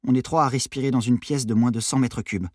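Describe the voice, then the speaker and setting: A man voicing a weary, calculating teenage boy who speaks flatly and matter-of-factly. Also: medium pitch, fast talker, no room sound, clean studio sound, voice pushed up, lightly acted. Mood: grim calm. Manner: flat, tired and matter-of-fact.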